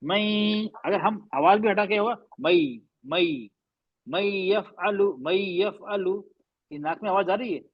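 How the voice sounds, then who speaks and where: A man teaching a recitation class, patiently explaining and slowly drawing out and repeating recited words. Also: sits high, animated, vocal fry, breathy edge, no room sound, muffled recording.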